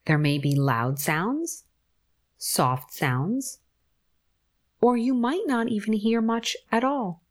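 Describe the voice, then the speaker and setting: A woman guiding a forest bathing meditation, giving calm, gentle instructions with long pauses. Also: mid-range voice. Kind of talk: guided meditation narration.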